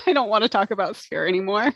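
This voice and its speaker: A woman's voice: medium pitch, expressive, fast, a bit bright, no room sound, lo-fi sound. A woman co-hosting a book podcast, chatting casually in a wry, informal way. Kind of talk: casual chat.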